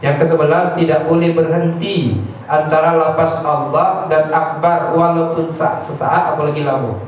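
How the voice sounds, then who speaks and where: A man's voice: a little high, level tone, moderate pace. A man gives an informal religious lesson to a congregation in a prayer room, talking conversationally and often asking "ya" and "ya tak". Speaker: religious teacher. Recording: echoey room, distant mic, faint noise.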